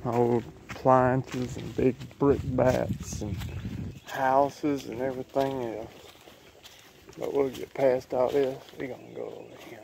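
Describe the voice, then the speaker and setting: A man's voice: mid-range voice, flat delivery, slow pace, gravelly. A man, chatting folksily to his horse and his viewers while riding a forest trail. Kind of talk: casual spoken vlog commentary. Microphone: head- or helmet-mounted camera mic. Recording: noisy outdoor camera audio.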